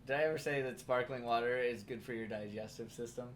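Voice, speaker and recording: A man's voice: medium pitch, fairly even intonation, fast. A man co-hosts a casual comedy podcast. He riffs in a goofy, playful way. A faint noise sits behind his voice. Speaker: podcast co-host.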